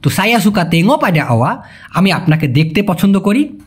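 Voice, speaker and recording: A language teacher, speaking in a colloquial way and repeating example phrases slowly. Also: mid-range voice, big pitch swings, husky. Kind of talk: language lesson.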